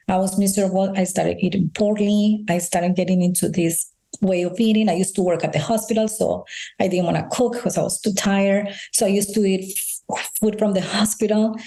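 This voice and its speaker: In a low-quality recording, a woman with a medium-pitched, dark-toned voice speaks as a guest in a conversational interview. She's a Spanish-speaking integrative health practitioner from Colombia with a Colombian accent, earnestly recounting personal stories with frequent restarts and "you know."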